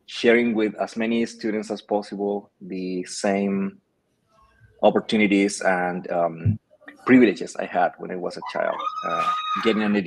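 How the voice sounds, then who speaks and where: Low-voiced man. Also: low-quality recording. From Chile. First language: Spanish. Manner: thoughtful, hesitant with many fillers. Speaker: guest, company founder. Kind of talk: casual interview answers. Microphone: video call.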